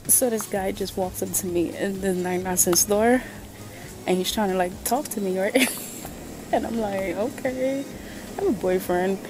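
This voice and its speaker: Music plays in the background as a young woman vlogs at normal speed in a mid-range voice. Her chat is casual, blunt and slangy with some swearing, filmed on a handheld phone at arm's length on a city street and then in a discount store.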